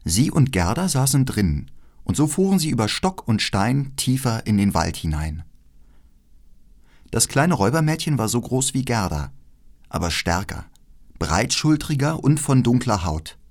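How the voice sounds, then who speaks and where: A man reading a fairy tale aloud as narrator, with expressive storytelling. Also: medium pitch, normal speed.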